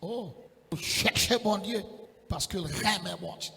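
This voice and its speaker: Male preacher, high voice, passionate sung-out sermon, echoey church hall. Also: slow, creaky. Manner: impassioned, rising into shouted sing-song calls.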